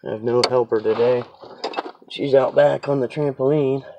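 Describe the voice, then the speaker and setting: A man's voice: medium pitch, fairly even intonation, normal speed, muffled recording, background noise. A man with a stuffy, sniffly cold talks through a car repair in a chatty, rambling, self-deprecating way, working outside in a yard. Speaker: home mechanic demonstrating a repair. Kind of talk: casual how-to car repair walkthrough. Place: outdoors in a yard on a slope.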